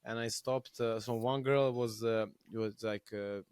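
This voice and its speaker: A man's voice: fairly low pitch, fairly even intonation, measured pace, a little mellow, smooth, no room sound, clean studio sound. A man hosting an interview, telling anecdotes casually with frequent fillers and laughs. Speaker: host. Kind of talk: casual interview chat, storytelling.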